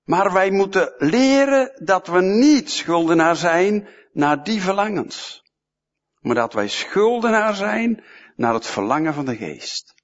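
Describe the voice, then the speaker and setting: A man's voice: high voice, sing-song, slow. A man preaching a sermon, emphatic and fond of repeating short phrases, in a church hall, with a dull, echoey sound.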